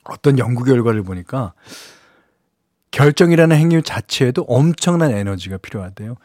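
Male radio host, mid-pitched, conversational patter, studio mic. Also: expressive, normal speed, a little mellow, dry recording. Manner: chatty and conversational, with frequent affirming asides. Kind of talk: radio show chat reading listener messages. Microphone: studio microphone, close and dry.

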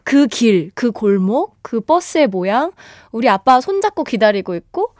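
A woman radio DJ chatting and reading listener messages, animated and laughing often, on a close studio mic. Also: fairly high pitch, measured pace, no room sound.

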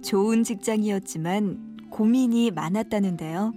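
A woman reading scripted documentary narration in a gentle, measured voice-over. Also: medium pitch, faint music behind.

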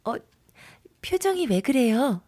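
Shy college girl, polite, hesitant, fairly high, husky, radio drama. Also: big pitch swings, slow pace, warm tone, in a large hall, heavily acted. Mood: caring. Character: shy, polite young female college student.

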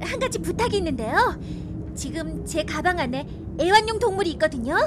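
Casting: cheeky young fantasy heroine, very high, lively swings, noisy backdrop. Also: female voice, fairly quick. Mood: nervous pleading. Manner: pert, expressive, chatty. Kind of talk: dramatized comic audio acting.

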